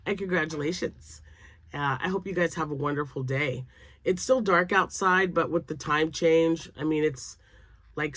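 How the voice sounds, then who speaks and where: Recorded dry, this deep-voiced older woman is a crochet vlogger talking casually to her camera. Her voice is a touch nasal and froggy from sinus drainage. She's chatty and meandering, leaning on fillers and laughing often.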